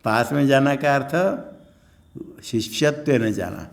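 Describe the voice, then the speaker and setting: Older man teaching scripture, slow and repetitive. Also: mid-range voice, gravelly. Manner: explains slowly, repeats and glosses each term. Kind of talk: scripture class lecture. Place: ashram.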